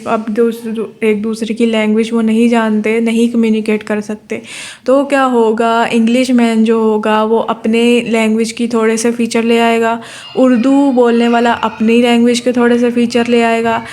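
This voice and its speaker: A woman from Pakistan giving a university lecture, reading definitions out slowly, then explaining them while repeating herself and checking in with the class. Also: a little high, level tone, a little mellow. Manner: repeats phrases and checks in with listeners ("theek hai").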